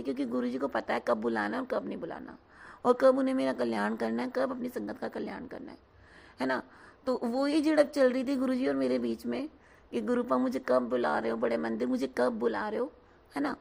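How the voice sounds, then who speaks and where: A hoarse woman giving an earnest devotional testimony, often addressing her listeners directly. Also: high-pitched. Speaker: devotee sharing a satsang.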